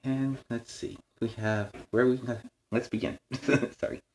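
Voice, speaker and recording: A man's voice: mid-range voice, fairly even intonation, measured pace, darkish tone, slight background noise, natural voice. A man playing a friendly young superhero who hosts a children's storytime, reading animatedly and explaining things in kid-friendly asides. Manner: kid-friendly, explains words and gives advice.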